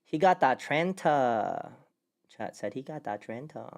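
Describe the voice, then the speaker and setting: An animated, lively-pitched host of a casual livestream show. The delivery is playful and hyped, swinging up and down constantly, with frequent laughter while bantering with the crew. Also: a little slow, creaky. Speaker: podcast host.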